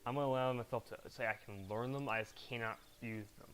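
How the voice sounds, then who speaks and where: A man's voice: medium pitch, steady tone, fast, a bit bright, slight background noise. A man giving casual commentary as he hosts his own video game challenge run. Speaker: gamer, challenge-run host.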